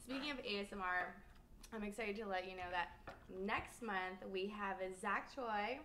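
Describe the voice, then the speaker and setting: A woman's voice: mid-range voice, normal speed, bright, forceful tone, a little hiss or hum. A woman hosting a casual cooking chat in an indoor kitchen. She laughs often and asks her guest lots of questions. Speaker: host.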